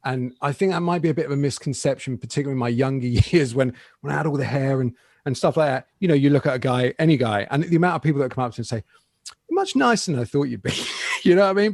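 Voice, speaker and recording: Man in his forties, from England, chatty and self-deprecating, laughs often, dry close recording, mid-pitched voice. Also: no room sound. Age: 40s. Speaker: guitarist and interviewee. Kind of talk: casual podcast chat.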